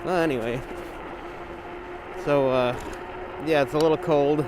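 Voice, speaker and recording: A man's voice: on the high side, steady tone, unhurried. A man speaking through a balaclava in a casual, hesitant bike vlog, thinking aloud as he rides, his voice slightly muffled. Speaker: bike vlogger. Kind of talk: casual vlog chat while riding. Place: outdoors, riding an electric bike on a trail. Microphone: gimbal camera or lapel mic with windscreen. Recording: outdoor wind, motor and traffic noise.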